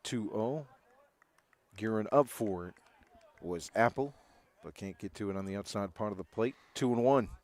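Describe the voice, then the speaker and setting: A man's voice: on the low side, normal speed, long pauses, darkish tone. A man doing live baseball play-by-play, with a home run call style that stretches out on big hits.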